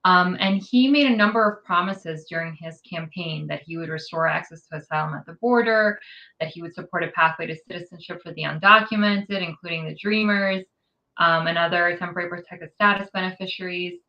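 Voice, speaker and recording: A woman's voice: fairly low pitch, brisk, bright, forceful tone, lo-fi sound. A woman from New York City, an immigrant rights advocate, giving articulate, detailed interview answers with frequent ums.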